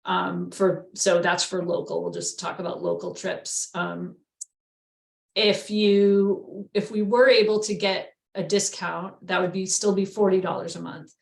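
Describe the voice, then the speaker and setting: A woman moderating an online meeting, relaxed and hesitant, with many pauses. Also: on the low side, vocal fry, echoey room.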